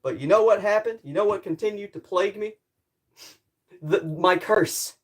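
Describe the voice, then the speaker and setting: A man's voice: high voice, normal speed. A man livestreaming casually, rambling jokey self-deprecating commentary to his viewers while he works with tools.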